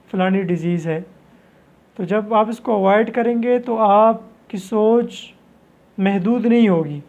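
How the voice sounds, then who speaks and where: A man teaching homeopathy, explaining at length with restarts and slowing down to read passages aloud. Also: sits high, darkish tone. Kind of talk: lecture.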